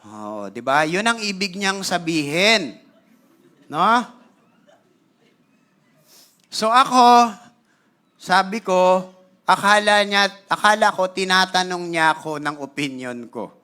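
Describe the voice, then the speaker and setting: A pastor with a Filipino accent preaching a sermon to his congregation, telling a story in a lively, conversational way and often clearing his throat. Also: high-pitched, takes it slowly, pauses often. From Philippines. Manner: animated, conversational, switching between Tagalog and English.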